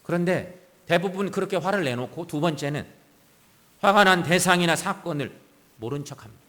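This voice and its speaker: A pastor delivering a Sunday sermon, his fairly high voice rising and falling with great animation. He moves between forceful emphasis and quiet asides. The church hall gives his words a long ringing reverb. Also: expressive, normal speed. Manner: preaching with strong swings between loud emphasis and soft asides. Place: church sanctuary.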